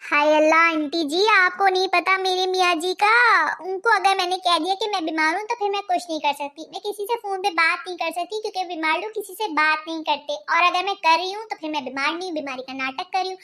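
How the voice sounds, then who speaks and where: A woman playing a young married woman who complains sharply and quick-wittedly, in a comedy skit. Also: extremely high pitch, sharp tone. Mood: complaining.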